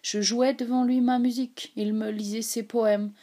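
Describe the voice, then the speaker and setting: A woman's voice: on the high side, little pitch movement, extremely slow, whispered. A woman reading aloud, voicing a despairing German officer who breaks into anguished cries. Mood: sorrowful. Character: anguished German officer, man, middle-aged.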